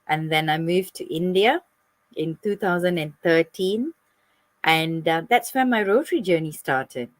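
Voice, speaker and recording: A woman's voice: on the low side, animated, unhurried, no echo. A woman from Malaysia, a club president, answering interview questions over a video call in a friendly, fluent way.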